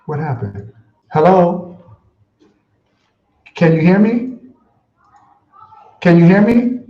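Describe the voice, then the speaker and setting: A man hosting a podcast interview, asking again and again whether his guest can hear him after the call drops out. He talks in a measured, formal way and keeps repeating himself. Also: sits high, lively intonation. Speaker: podcast host. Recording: lo-fi, roomy echo.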